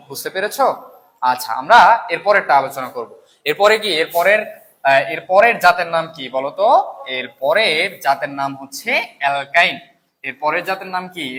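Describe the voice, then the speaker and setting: A man's voice: a little high, pushed and bright. A male chemistry teacher giving a recorded lecture, asking a question and then answering it himself while he counts aloud.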